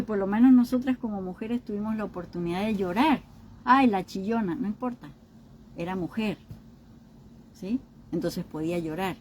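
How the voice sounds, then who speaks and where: Woman speaker, mellow warm tone, informal teaching talk, keeps checking in with listeners. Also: mid-range voice, slight background noise, low-quality recording. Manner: acts out other people's remarks in quoted voices. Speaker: speaker on emotional healing.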